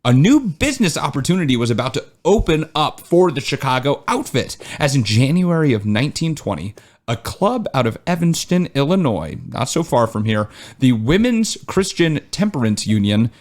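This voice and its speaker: A male podcast host at a mid pitch, walking through his researched notes in a loose, conversational way. He fills the gaps with "uh" and wanders into wisecracks before picking the story back up. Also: big pitch swings, moderate pace. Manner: chatty, with frequent "uh" and joking asides. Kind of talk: casual chat, reading researched history.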